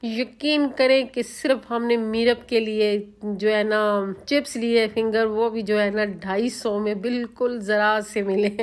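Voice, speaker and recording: A woman vlogger from Pakistan, narrating her outing in a chatty, homely voice-over. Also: a little high. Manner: chatty, homely, leans on filler phrases.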